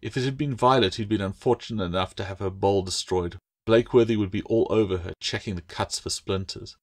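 A man reads his own fantasy novel aloud, narrating the audiobook in a steady, measured way. His voice is on the low side.

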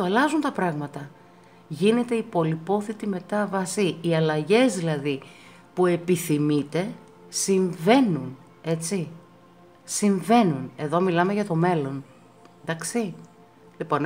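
A woman giving a pick-a-card tarot reading to her viewers, reassuring them and repeating words for emphasis, her pitch swinging up often. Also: a little mellow.

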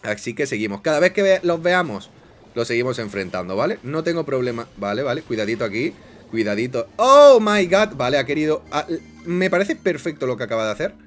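A young man from Spain with a Spanish accent, giving excitable live gameplay commentary. He loves diminutives and often bursts into shouts. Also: medium pitch, quick pace. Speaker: gaming youtuber.

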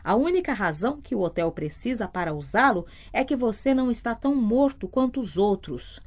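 A woman voicing a defiant young boy who speaks high and insistent, rising to shouts, in a read-aloud audiobook. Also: lively intonation, a little fast.

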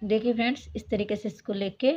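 A woman hosting a step-by-step knitting tutorial, calmly explaining each stitch and often addressing her viewers as friends. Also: medium pitch, brisk, highs cut off. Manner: patient, repeats "look, friends" while demonstrating. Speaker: craft tutorial host.

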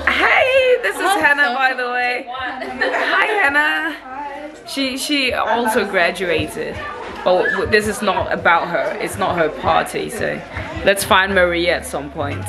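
A woman's voice: mid-range voice, animated, slow pace. A young woman vlogging at a party, bubbly and laughing, talking into a handheld camera. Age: young adult. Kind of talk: casual party vlog. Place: crowded party with loud music. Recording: loud music and crowd behind. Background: loud music, party crowd.

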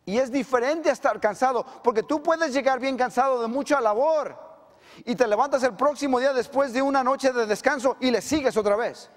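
A middle-aged male pastor, preaching emphatically and swinging between loud and hushed delivery. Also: very high-pitched, a little fast, in a large hall. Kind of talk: sermon.

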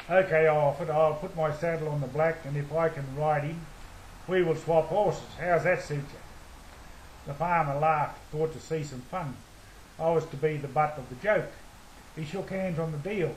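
An older Australian man tells a bush yarn with a slightly high voice, unhurried and folksy, tossing in small asides. His voice sits in a roomy space with faint hiss behind it. It sounds like a home recording of a spoken memoir. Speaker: retired drover.

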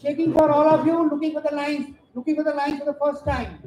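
A high-pitched, middle-aged Indian man calls bingo at a Diwali party, outdoors in the evening in front of a stage. His level-toned, slightly fast delivery is singsong, with numbers called digit by digit, drawn out, and given rhyming nicknames. He speaks over a microphone through an echoey event PA with loud music behind.

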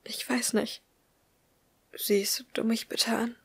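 A woman voicing a shy, guarded seventeen-year-old girl who speaks quietly, often in a whisper, in an audiobook reading. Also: mid-range voice, steady tone, slow pace, husky, dry recording.

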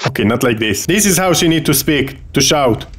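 Man, reaction host, casual commentary, mocking, higher-pitched. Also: expressive, a little fast, loud music behind the voice. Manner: mocking, jokey.

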